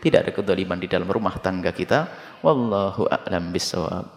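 A man preaching a sermon to a congregation, lively and jumping into high-pitched mimicry of the people in his stories. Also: fairly quick. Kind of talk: Islamic sermon with Q&A. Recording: long hall reverb.

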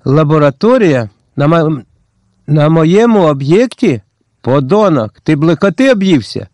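A man's voice: on the high side, very animated, unhurried, darkish tone, no room sound, voice pushed up. A man voicing a furious middle-aged male party boss who barks threats and curt orders, in a dry audiobook recording. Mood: threatening.

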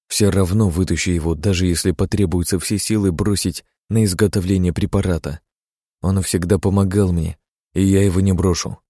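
A man reading a novel aloud in first person, steady and measured. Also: deep voice, no echo, clean studio sound. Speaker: audiobook narrator. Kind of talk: first-person scripted narration.

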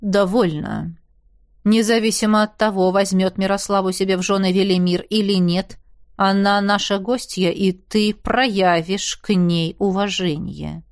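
A woman voicing a haughty, smug male sorcerer lord who speaks quietly in a silky, ingratiating way, in an audiobook. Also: fairly low pitch, moderate pace, few pauses, close to an everyday voice. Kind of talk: audiobook character voice.

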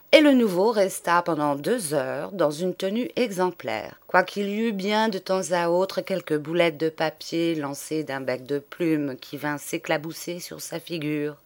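A woman reads a classic novel aloud as audiobook narration. Her delivery is measured and expressive, with a dramatic lilt that rises and falls through the long sentences. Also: on the low side. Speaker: audiobook reader.

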